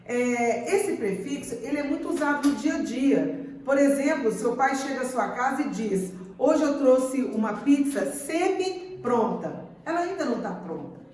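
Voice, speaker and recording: A woman teacher giving a slow, deliberate grammar lesson, repeating example words. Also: high-pitched, animated, darkish tone. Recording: echoey room, mic at a distance.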